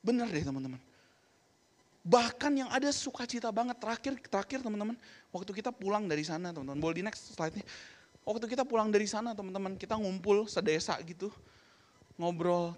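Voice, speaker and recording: A man preaching a casual youth sermon, chatty and keeps addressing his listeners directly, slipping into English now and then. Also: high voice.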